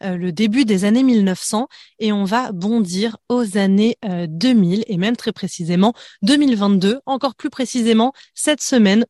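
A woman radio host leads an interview with measured, guiding questions and the odd filler. Her voice sits in a middle range. It is recorded dry and close in the studio. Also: medium pitch, darkish tone, dry recording.

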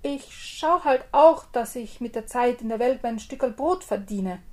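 A woman's voice: on the high side, expressive, a little slow, a little mellow, pitched above the performer's own voice. A woman voicing a small, cunning male tailor who brags cheekily, during a storybook reading. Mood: timid. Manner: cheeky and bragging, raised voice.

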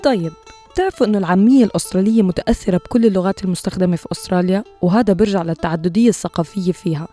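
Brief: woman host, rapid scripted narration, low and warm. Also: soft background music. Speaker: podcast host.

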